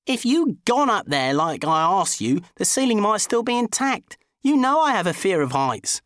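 A cheeky, hot-headed young Englishman with a stubborn streak, as a male reader puts him on. His voice sits well above the reader's own and swoops up high when he argues. The sound is close and dry. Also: wildly swooping pitch, moderate pace, fairly bright tone, dry recording, exaggerated voice. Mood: indignant. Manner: wheedling, indignant, sulky.

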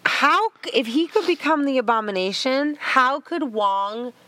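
A woman's voice: high-pitched, animated, a little slow, sharp tone. A woman co-hosting a podcast, retelling scenes in casual chat, swearing freely and acting out the characters' lines. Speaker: podcast co-host.

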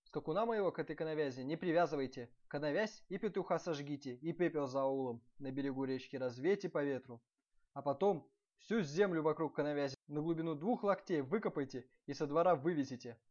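A man voicing a proud, hot-tempered prince of old who shouts commands at his servants. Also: fairly high pitch, fairly quick, natural voice. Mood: commanding. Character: furious proud old-time male prince, barking orders. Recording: dull lo-fi recording.

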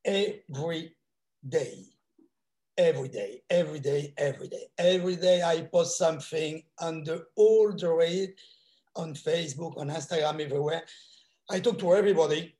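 A French man speaking English with a French accent on a video call, halting and repeating himself. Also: on the high side, darkish tone. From France. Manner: halting, repetitive phrasing with non-native grammar. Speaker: real estate agent.

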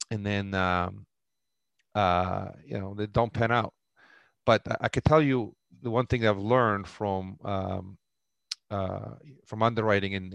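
A low, gravelly man with a Russian accent talks about investing as a podcast guest. He speaks haltingly, restarting phrases often. The sound is dry and close. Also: no room sound. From former Soviet Union. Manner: halting, many restarts and fillers. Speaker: real estate investor guest. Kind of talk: podcast interview.

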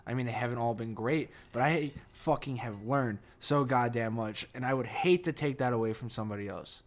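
A man's voice: mid-range voice, a little fast. A man in his twenties with a New Jersey accent, chatting candidly at a table at home and swearing freely. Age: 20s. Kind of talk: casual chat. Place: table in a shared house.

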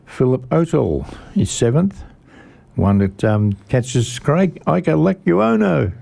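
An Australian man hosting a radio motorsport show, reading out race news in a halting way and repeating the odd word. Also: medium pitch, sing-song, gravelly, dark tone. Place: radio studio.

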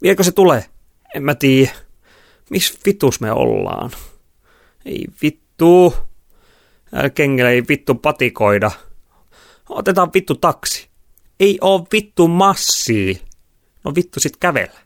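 A man voicing a foul-mouthed teenage girl on the run, shouting and swearing in a high, frantic voice. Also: animated, vocal fry, pauses often, dry recording, clean studio sound.

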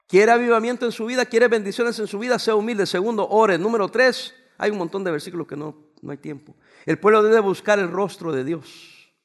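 High-voiced preacher calling out to his flock. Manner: call-and-response preaching, asks congregation to finish lines. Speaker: pastor. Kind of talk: sermon. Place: church before a congregation.

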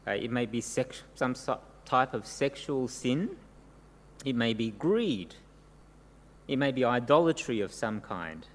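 Speaking in an animated, mid-range voice at an unhurried pace, a middle-aged pastor born in Korea delivers an earnest sermon before a congregation. He frequently ends his points with tag questions, heard through long church-hall reverb and a little background noise.

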